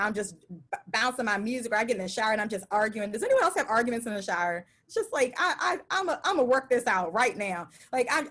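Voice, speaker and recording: A middle-aged woman preaching a sermon in a conversational, emphatic and animated way. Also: a little high.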